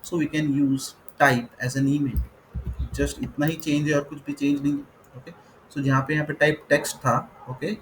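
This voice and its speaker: A man's voice: on the high side, fairly even intonation, a little slow, slight background noise, rough recording. A man teaching a coding tutorial, mixing Hindi and English, saying "okay" often and spelling words out letter by letter. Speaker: coding instructor. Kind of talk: screen-recorded coding tutorial.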